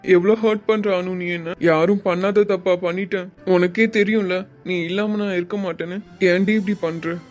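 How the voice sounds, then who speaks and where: Man doing a heartbroken young student, cartoon, high voice, flat tone, music behind. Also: normal speed, close to an everyday voice. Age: young adult. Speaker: college student. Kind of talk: cartoon voice acting.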